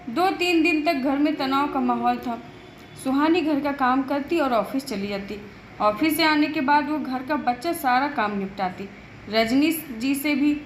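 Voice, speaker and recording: Female storyteller, high pitch, voices every character herself, roomy echo. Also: a little hiss or hum. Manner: reads every character's lines in her own voice. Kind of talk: narrated family story with acted dialogue.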